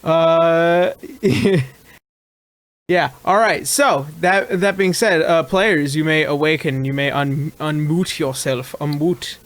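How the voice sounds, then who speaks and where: A man with a high, light voice hosts an online tabletop game as dungeon master. He rambles through announcements full of fillers and laughs easily, talking over a home microphone on a voice call. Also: steady tone, slow, a bit bright. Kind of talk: casual chat and game narration.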